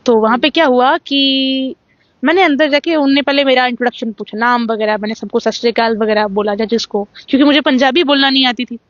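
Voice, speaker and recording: A young woman from Jammu, a singer being interviewed, telling her story in a lively way and acting out what the judges said. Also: high voice, brisk, dry recording, highs cut off. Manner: animated storytelling, acts out quoted judges. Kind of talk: casual interview.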